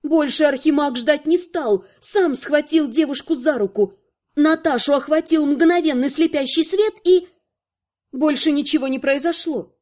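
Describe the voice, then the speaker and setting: A woman giving a scripted narration of a fantasy story in an even, expressive reading. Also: high voice, a little slow.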